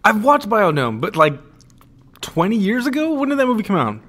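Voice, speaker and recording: A man's voice: sits high, wildly swooping pitch, fairly quick, a bit bright. A man in his thirties co-hosting a casual podcast, dry and teasing his partner. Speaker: podcast co-host. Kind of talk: casual chat.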